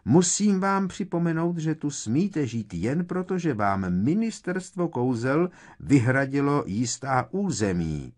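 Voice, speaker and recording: A man voicing a shrill, haughty, pompous woman official in an audiobook reading. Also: sing-song. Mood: indignant. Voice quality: shrill, squeaky.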